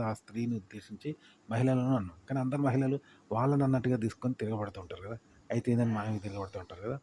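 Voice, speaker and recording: A man's voice: medium pitch, darkish tone, a little hiss or hum. A man explaining YouTube tips in casual talk, rambling and repeating his points as he asks the listener if they follow. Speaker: YouTube creator giving tips.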